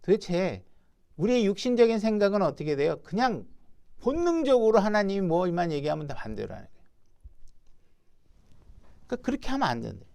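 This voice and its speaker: A man's voice: high voice, big pitch swings, fairly quick, vocal fry, long pauses, dark tone. A man preaching a sermon as pastor, talking conversationally and putting rhetorical questions to his congregation. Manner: reads scripture aloud, then acts out its speakers.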